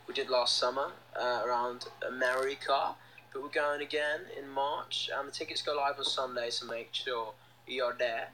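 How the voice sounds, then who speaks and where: Holding his phone close to his face, a young band member livestreams from a small indoor room, reading fan comments in a relaxed, cheerful way. His mid-range voice comes across pushed and bright. The audio is poor, with slight background noise.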